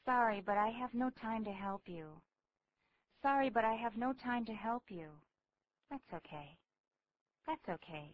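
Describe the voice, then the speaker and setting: A woman co-hosting a radio English lesson, reading the model dialogues clearly and carefully. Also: on the high side, expressive, unhurried, pauses often, no echo. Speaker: English-speaking co-host. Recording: dull old radio recording with faint hum.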